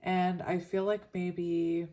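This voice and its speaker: A woman with a fairly low, soft-edged and mellow voice talks through a tarot reading. Her s sounds come out slushy, with a lisp from a retainer. She is informal and reflective, wandering from thought to thought. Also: flat delivery, slow. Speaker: tarot reader. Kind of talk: casual pick-a-card tarot reading.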